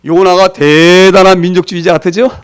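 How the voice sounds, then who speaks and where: High-voiced man preaching emphatically. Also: steady tone, moderate pace, clear, resonant tone. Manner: emphatic preaching with rhetorical questions. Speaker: pastor. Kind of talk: sermon.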